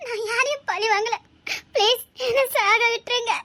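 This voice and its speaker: A woman's voice: very high-pitched, moderate pace, sharp tone, heavily acted. A woman voicing a heartbroken young woman in a drama, speaking with a Tirunelveli Tamil accent in a tearful, pleading way. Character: heartbroken young woman set on ending her life.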